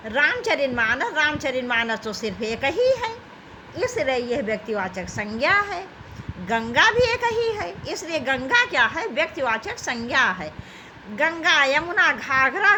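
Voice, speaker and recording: A woman's voice: high voice, sing-song, measured pace, pushed and bright, a little hiss or hum, rough recording. A woman teaching an exam-prep grammar lesson, reading out questions and options and addressing her students as children. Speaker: Hindi teacher.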